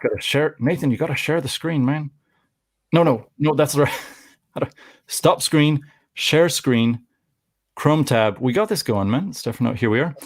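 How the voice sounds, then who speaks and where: The clean, dry studio sound captures a Canadian live-stream host in his 40s whose voice is on the high side, speaking at a moderate pace. He wanders from topic to topic, jokey, often interrupting himself.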